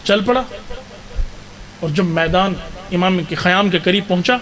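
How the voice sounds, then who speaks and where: A man's voice: high voice, a bit bright. A man preaching a mourning sermon at a religious gathering, telling the story with emotive, rising cries in the quoted speech. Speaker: Shia preacher. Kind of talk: Muharram majlis sermon, dramatic storytelling. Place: mosque hall during a religious gathering.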